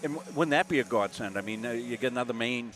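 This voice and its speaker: An older man from Massachusetts calls a college basketball game from courtside. His talk is folksy and rambling, full of filler words, in a mid-range voice. Music plays clearly in the background. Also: medium pitch, fast, a bit bright. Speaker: play-by-play announcer. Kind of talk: live basketball commentary.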